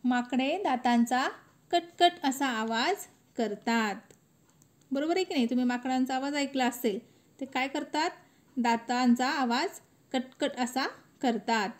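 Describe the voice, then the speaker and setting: A woman teacher, slowly reciting a children's poem and explaining it in a sing-song classroom manner. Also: high-pitched. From India. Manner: slow, sing-song recitation with lifted words.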